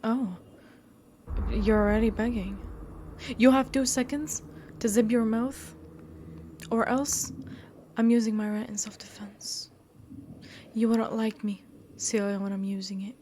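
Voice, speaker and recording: A woman hosts a visual novel walkthrough with music behind her, giving playful, sassy commentary with joking asides and readings from the game. Her voice is fairly high, steady and mellow, and she talks at a measured pace with frequent pauses. There is slight background noise.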